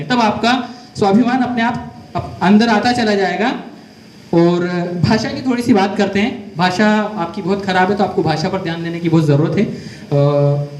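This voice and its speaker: Male teacher with a Malwa Rajasthani accent, high voice, echoey classroom, drills and corrects pupils. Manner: quizzes students, repeats words to correct them. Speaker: career guidance teacher. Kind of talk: classroom lecture. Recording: echoey room with faint noise.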